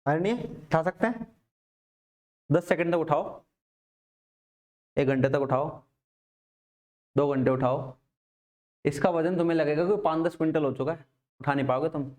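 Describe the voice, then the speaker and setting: A man's voice: fairly high pitch, moderate pace, long pauses, darkish tone. A man teaching physics in a casual classroom lecture, repeating questions to his students.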